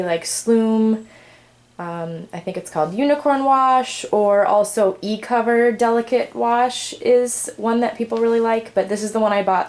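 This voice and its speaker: Chatty young mom demoing at the sink. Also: female voice, mid-range voice, a little mellow, low-quality recording. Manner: chatty, lots of fillers, explains while working. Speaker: parent showing cloth diapering care. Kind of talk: casual unscripted how-to demo. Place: home kitchen at the sink.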